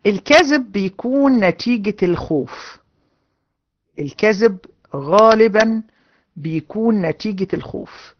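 A woman's voice: medium pitch, expressive, measured pace, long pauses. Woman, Egyptian accent, religious teacher, earnest, repeats herself, lo-fi sound. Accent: Egyptian Arabic. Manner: earnest, repetitive, addresses class directly. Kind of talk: hadith lesson to women students.

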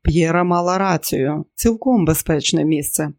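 Man reading a novel aloud, steady, slightly high voice, dry close sound. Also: normal speed, no echo. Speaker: narrator. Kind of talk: audiobook narration.

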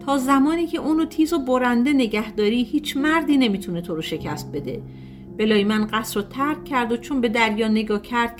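A woman narrating a folk tale as an audiobook, in a gentle storytelling cadence that voices the characters' dialogue. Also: a little high. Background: soft guitar music.

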